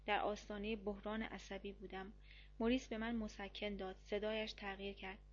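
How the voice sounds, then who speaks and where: A woman narrates a dramatic first-person novel in an expressive, measured storytelling voice of middle pitch. The recording is slightly muffled, with a dull top end. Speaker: audiobook narrator.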